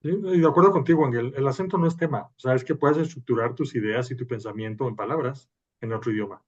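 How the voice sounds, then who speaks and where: A man's voice: mid-range voice, fast talker. Guy hosting a webinar q&a over a video call, reads out questions, keeps his replies short, audio sounds dull and muffled. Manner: brief and affirming. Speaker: webinar moderator. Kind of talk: reading out audience questions.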